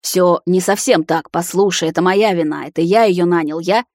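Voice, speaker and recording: Calm vampire uncle trying to settle things down, a woman reading him, lowish voice. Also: moderate pace, dry recording, studio quality, lightly acted. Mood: soothing. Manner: soothing, reasonable.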